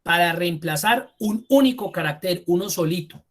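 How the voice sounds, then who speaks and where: A man teaching a spreadsheet class online. He repeats key terms slowly for emphasis and speaks to the students directly and informally. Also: sits high, animated. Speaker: computer course instructor.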